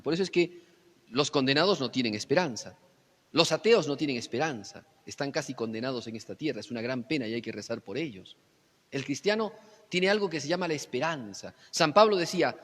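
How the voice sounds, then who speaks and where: A fairly high-pitched man delivers a teaching sermon. He keeps asking his listeners rhetorical questions and swings between loud, emphatic lines and quiet, low ones. His voice rings with a long hall reverb. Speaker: preacher.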